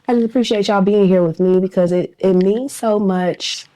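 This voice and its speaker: A middle-aged woman with a hoarse voice, as though she lost it the day before. She hosts a laid-back roundtable chat among friends, talking in a casual, slangy way and stopping to ask the others for words. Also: medium pitch, moderate pace. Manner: relaxed, laughing, slangy. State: hoarse, losing her voice. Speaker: podcast host.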